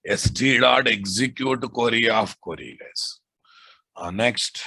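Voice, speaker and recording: A man's voice: mid-range voice, takes it slowly, creaky, sharp tone, no echo. A man with a Telugu Indian accent teaching a live coding lesson, dictating code with repeated phrases and informal asides to his students. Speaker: programming instructor.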